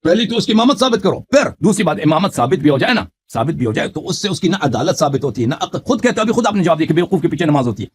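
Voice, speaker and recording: A man in a heated religious debate, forcefully quoting Arabic texts and accusing his opponent. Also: on the high side, big pitch swings, hardly any pauses, breathy edge. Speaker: Shia debater.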